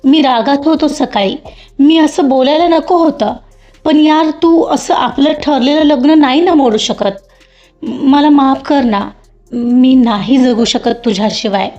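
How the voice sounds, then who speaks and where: A woman with a high-pitched voice, reading at a measured pace, portrays an angry young man in a storybook who goes from begging to threatening, all shouting, bitter and sneering. Faint music plays beneath the dull, lo-fi audio.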